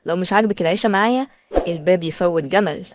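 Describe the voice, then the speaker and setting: A man's voice: high voice, very fast, background noise, natural voice. A woman voicing a cold, scolding Egyptian husband. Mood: cold, shouting. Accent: Egyptian Arabic. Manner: dismissive, scolding. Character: cold, irritable husband who shouts.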